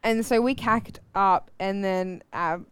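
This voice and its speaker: A woman's voice: mid-range voice, slow pace, smooth, no echo. A woman co-hosting a podcast in casual chat, jokey and giggly, often talking over her co-host.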